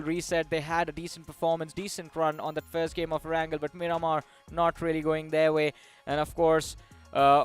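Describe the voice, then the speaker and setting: An upbeat, joking Indian man on the analyst desk of a mobile esports broadcast. His voice sits a little high and comes through smooth and resonant. Faint music plays underneath. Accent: Indian English. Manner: upbeat, bantering. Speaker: esports caster.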